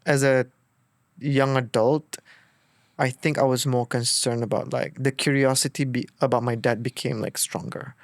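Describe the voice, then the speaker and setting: Speaking at a normal speed with a medium pitch and some vocal fry, this Bruneian-accented man in his thirties is a podcast host taking the guest seat. He recounts his own experiences informally and brings them to life by quoting his past thoughts, all on a dry, studio-quality recording.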